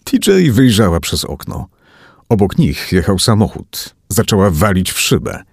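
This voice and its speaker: A man reading a thriller audiobook aloud as narrator, in an expressive, dramatic manner. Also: fairly low pitch, moderate pace, vocal fry, slightly rough, no echo, studio quality. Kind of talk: scripted narration.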